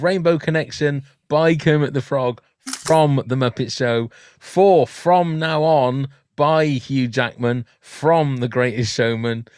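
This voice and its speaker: A man's voice: medium pitch, darkish tone, clean tone, no echo, clean studio sound. A man hosting a podcast in casual chat, chatty and laughing often. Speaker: podcast host.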